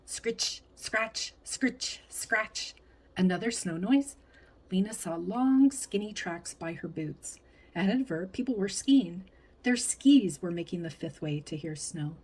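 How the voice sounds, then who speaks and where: A woman reading a picture book aloud in an expressive way, whispering and playing up the sound words. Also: on the low side, measured pace. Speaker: storybook reader.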